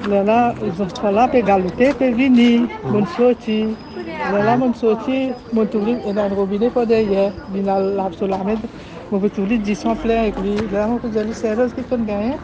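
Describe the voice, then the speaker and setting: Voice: mid-range voice, steady tone, normal speed. Rambling street interview, dull lo-fi sound, crowd chatter and traffic behind. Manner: rambling, repetitive telling. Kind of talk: street interview recounting events. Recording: dull outdoor street recording.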